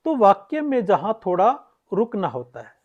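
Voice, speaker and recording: A woman's voice: mid-range voice, very animated, moderate pace. Patient woman teacher, muffled lecture audio. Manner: patient explaining, repeats points, starts lines with "so". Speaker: Hindi grammar teacher. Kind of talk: online grammar lecture.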